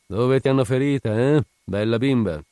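A man voicing a brisk, impatient doctor who gives curt, clipped orders. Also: mid-range voice, mellow, no room sound, studio quality, pitched above the performer's own voice, natural voice. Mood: soothing. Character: middle-aged male doctor, brisk and impatient.

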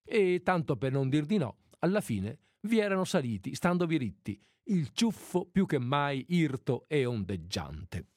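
Casting: male reader, expressive storytelling, lively pitch, dry close recording. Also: unhurried, dry recording. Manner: expressive, dramatic narration. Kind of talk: literary reading aloud.

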